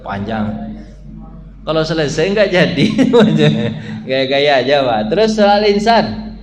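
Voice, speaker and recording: A man's voice: on the high side, very animated, a little slow. A male preacher giving a mosque study talk, joking with the congregation and chanting Quran verses in between. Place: mosque hall. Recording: echoey mosque with faint hum.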